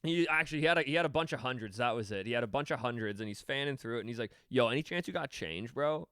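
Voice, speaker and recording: A man's voice: mid-range voice, racing, smooth, no echo, clean studio sound. A young man co-hosting a podcast, telling a story in casual, profane chat and acting out quotes. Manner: animated, profane, acts out quotes. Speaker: podcast co-host.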